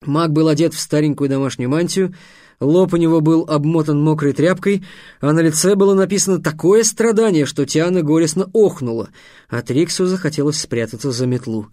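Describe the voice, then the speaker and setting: A man reading a fantasy story aloud in an even, measured way. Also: a little high, no room sound, studio quality. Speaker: audiobook narrator. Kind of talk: scripted narration.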